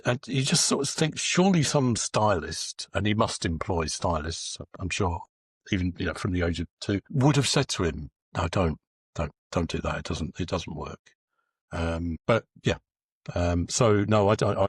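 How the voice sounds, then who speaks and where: A man's voice: deep voice, lively intonation, moderate pace, breathy edge, no echo, studio quality. A man on a football podcast panel, wry and hesitant, restarting his sentences. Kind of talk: casual football chat.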